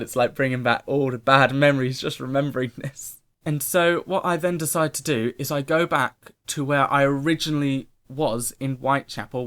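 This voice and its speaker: A man telling a personal story to camera in an animated, excitable way. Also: mid-range voice. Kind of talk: casual storytime monologue.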